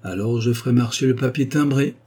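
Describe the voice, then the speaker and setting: A man's voice: mid-range voice, fairly quick, darkish tone, pitched above the performer's own voice, lightly acted. A man voicing a miserly old rustic wood merchant who talks bluntly and mockingly, in an audiobook. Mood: gruff.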